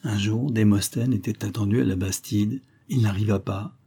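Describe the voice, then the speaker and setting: A man narrating a nineteenth-century short story in a measured, expressive reading. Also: on the low side, vocal fry, breathy edge. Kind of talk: literary audiobook narration.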